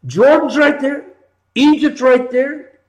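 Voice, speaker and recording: An American man hosting a talk show, delivering an impassioned political rant with emphatic, punchy repetition and swings between loud and hushed. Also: very high voice, slow pace. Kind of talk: impassioned political monologue, ranting. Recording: roomy, echoing sound.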